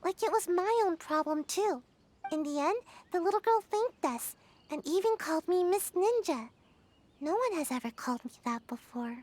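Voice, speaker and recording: Tiny, very high-voiced sleepy ninja girl. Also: expressive, moderate pace, darkish tone. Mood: sleepy, reflective. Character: small, sleepy, lazy young girl ninja, childlike. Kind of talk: English video game voice acting.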